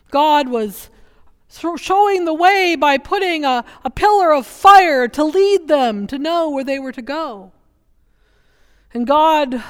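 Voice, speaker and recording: A woman pastor preaching a sermon in a conversational, humorous storytelling way, recorded in a church. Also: high voice. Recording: reverberant church sanctuary.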